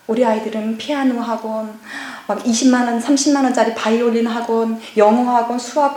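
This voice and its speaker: A middle-aged woman, a pastor's wife, giving a lively personal testimony at a church seminar and acting out past conversations. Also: fairly high pitch. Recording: echoey church hall.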